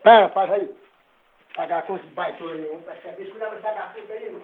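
A man taking a prank call, gruff and scolding. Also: sits high, fast. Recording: tinny phone line.

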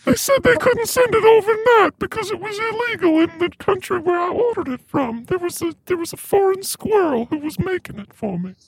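Casting: a shameless, scheming mama, formant-shifted, chipmunk-high. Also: animated, brisk, gravelly, hardly any pauses, full character voice, rough recording. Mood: unbothered. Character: shameless, gross, scheming old mother. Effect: formant shifted, pitched-up chipmunk voice. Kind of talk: improvised comedy sketch.

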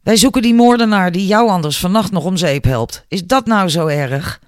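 A man's voice: high voice, moderate pace, clean tone, no echo, clean studio sound, voice pushed up, close to an everyday voice. A man voicing a hostile, brawling bully in an audiobook, speaking aggressively. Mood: threatening. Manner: aggressive, snarling.

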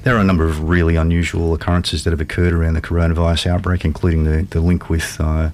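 A man talks through current affairs in a measured, conversational way. His voice is deep and fairly monotone, with a faint rumbling noise behind it. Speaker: radio show co-host.

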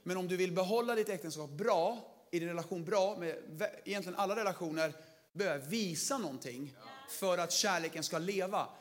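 A man preaching a lively sermon to a big gathering, energetic and playful, sometimes shouting to stir up the crowd. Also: high-pitched. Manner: energetic, shouts to rouse the audience, playful slang. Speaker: pastor.

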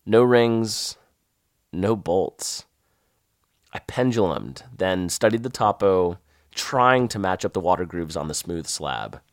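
A man with a Southern accent narrating his own adventure in a wry, lively first-person storytelling manner. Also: low-pitched, takes it slowly, dry recording, studio quality.

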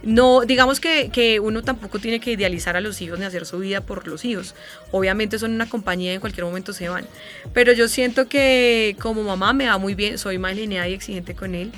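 Colombian woman radio host, thirties, bright, lively storyteller in an interview, faint music behind. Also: mid-range voice, brisk. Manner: animated storyteller, imitates sounds and voices. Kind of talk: emotional personal interview.

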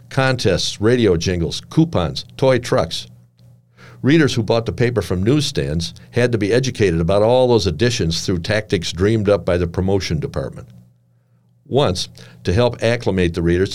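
An older man reading his own memoir aloud with measured, dry and wry storytelling. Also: low voice, darkish tone.

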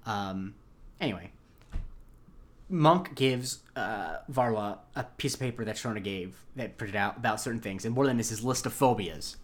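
A man's voice: fairly low pitch, moderate pace. A man co-hosting a podcast, recapping an episode in rambling casual chat. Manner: rambling, many fillers and restarts. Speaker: podcast co-host.

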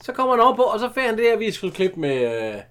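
A man chats loosely about a film he is watching, laughing often and swearing lightly. His voice is a little high and very animated. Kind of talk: casual chat, commenting on a film.

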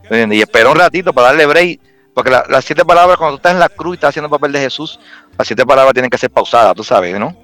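This Puerto Rican guest tells stories in casual chat, his mid-range voice animated, rapid-fire and a bit bright, with no room sound. His delivery is full of fillers and restarts.

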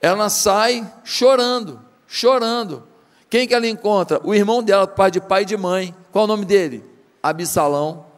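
A man's voice: high-pitched, moderate pace, big-room sound. A man with a Brazilian Portuguese accent preaching a sermon, retelling a story dramatically and firing rhetorical questions at the congregation. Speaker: pastor.

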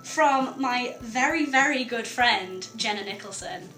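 Young Geordie woman, student radio co-host, chatty and giggly, slightly high voice, roomy studio. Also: animated, a little slow, bright, forceful tone, soft background music. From North East England. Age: young adult. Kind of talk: casual radio chat.

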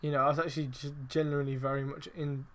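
Swearing, excitable podcast man. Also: on the high side, fast talker. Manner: heavy swearing, rambling with many fillers; excitable, emphatic. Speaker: podcast host. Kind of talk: casual wrestling review podcast.

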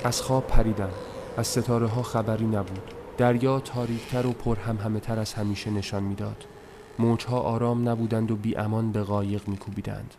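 A man reading a story aloud in a soft, measured, somber voice, as scripted narration. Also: fairly low pitch, fairly even intonation. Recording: noisy recording.

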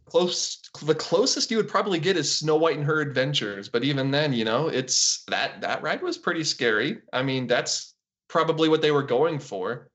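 A man co-hosting a podcast over a video call, chatting casually and laughing between quick asides. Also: fairly high pitch, lively intonation, a bit bright, lo-fi sound. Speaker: podcast co-host. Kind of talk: casual chat.

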